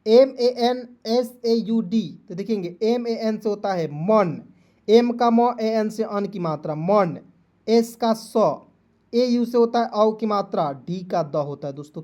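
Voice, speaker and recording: A man's voice: high voice, darkish tone. A male online teacher walks viewers through words, spelling them out letter by letter in a patient, repetitive way. He keeps stopping to ask whether his viewers follow, talking to them as friends. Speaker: English teacher. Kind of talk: online lesson.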